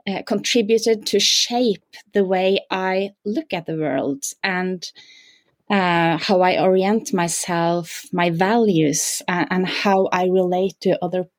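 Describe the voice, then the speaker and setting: A woman in her forties from Norway with a Norwegian accent, a guest answering interview questions with many pauses, fillers and restarts. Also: on the low side, steady tone.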